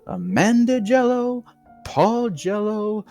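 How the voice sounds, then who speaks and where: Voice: medium pitch, sing-song, slow pace, darkish tone, soft background music, voice pushed up. A narrator voicing an aggressively hospitable, creepy whiskered man in a horror story, with a folksy, effusive, exclamatory manner. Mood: gleeful.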